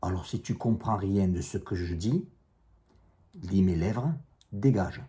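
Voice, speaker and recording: A man's voice: low-pitched, measured pace, mellow. A man with a strong accent talking bluntly straight to camera in a casual monologue, repeating himself and dismissing critics. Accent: strong non-native accent in French. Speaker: YouTuber, self-defence instructor.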